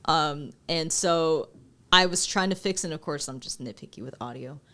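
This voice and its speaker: A woman's voice: deep voice, moderate pace, sharp tone. A young woman co-hosting a podcast, talking casually about editing and laughing often as she tells stories. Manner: chatty, laughs often while telling stories. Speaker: podcast co-host and film editor. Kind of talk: casual chat.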